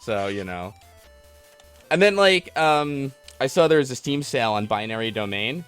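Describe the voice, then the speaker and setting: Over retro game music, a male gaming livestream host takes calls and rambles casually in a nerdy, self-mocking manner while playing. His medium-pitched voice is animated, smooth and fairly bright, moving at a moderate pace.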